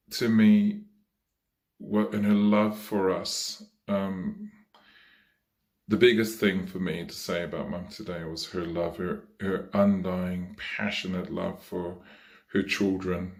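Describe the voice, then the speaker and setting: At a memorial service, a man delivers a eulogy for his mother, speaking slowly and haltingly with many pauses and fillers. His voice is low-pitched, and the sound is reverberant.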